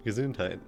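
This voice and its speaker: A man's voice: on the low side, vocal fry, darkish tone. A man streaming live, chatting casually and thinking aloud with ums while he works through a design. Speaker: streamer and engineering teacher. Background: background music.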